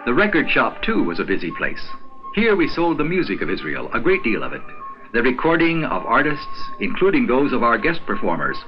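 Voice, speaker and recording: An older man giving a measured scripted narration for a documentary film. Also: medium pitch, huge pitch swings, faint music behind. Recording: dull 1970s film soundtrack.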